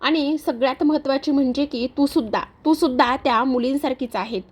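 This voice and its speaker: A woman's voice: high-pitched, fairly quick, lightly acted. A woman voicing an anxious, moody young woman in a retold TV serial. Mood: agitated. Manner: agitated, pleading.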